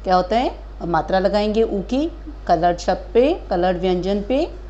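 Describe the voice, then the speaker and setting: A woman teaching a kindergarten Hindi lesson, stretching out each word slowly and asking gentle questions of young children. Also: mid-range voice, expressive, muffled recording. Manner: slow drawn-out syllables modelling words for children; patient questioning, addresses children as beta.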